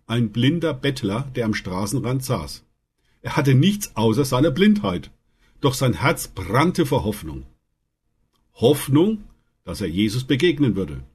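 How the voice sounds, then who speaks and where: Man, husky voice, Bible story narration, calm, earnest, mid pitch. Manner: calm, earnest retelling with dramatic quoted lines.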